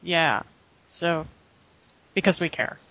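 A woman's voice: fairly low pitch, takes it slowly, muffled recording, crowd noise. Dry sarcastic woman recapping. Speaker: podcast co-host recapping wrestling. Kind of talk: casual chat.

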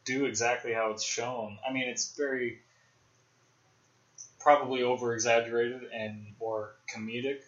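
A man's voice: mid-range voice, little pitch movement, moderate pace, fairly bright tone. A young man hosting a podcast, chatting casually about films, rambling and speculating with many fillers. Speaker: podcast host. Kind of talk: casual film discussion. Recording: roomy, dull lo-fi podcast audio.

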